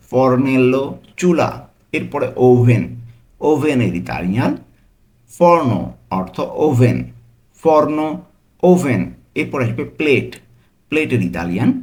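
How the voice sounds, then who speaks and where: A man with a Bangladeshi Bengali accent teaching a vocabulary lesson, slowly saying each word and repeating it with its meaning. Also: mid-range voice. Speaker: language teacher.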